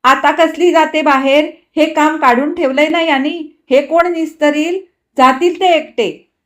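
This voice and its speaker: A woman voicing a fussy, stubborn young wife who chatters quickly and scolds. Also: sits high, pitched above the performer's own voice, close to an everyday voice. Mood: irritated.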